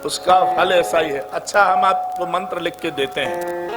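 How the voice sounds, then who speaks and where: A man's voice: high voice, a little slow. A man from the Braj region preaching a devotional sermon, telling stories, chanting repeated words and singing verses to his listeners. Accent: Braj Hindi. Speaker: kathavachak preacher. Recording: music playing behind.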